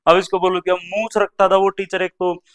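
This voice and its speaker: A young stand-up comedian tells stories about school, slipping into quick voices for teachers and classmates. His voice sits slightly high for a man, with little pitch movement, and comes through smooth and clear on a handheld mic.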